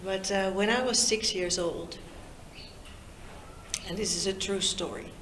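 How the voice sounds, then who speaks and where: A Dutch-born woman in her fifties talks slowly and easily, pausing often as she speaks to a room full of young people. Her voice carries a roomy echo, with a faint hum of the room behind it. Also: mid-range voice, steady tone. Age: 50s. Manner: slow, warm and chatty, draws in her listeners. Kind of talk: informal talk to young people. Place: meeting room in Lusaka.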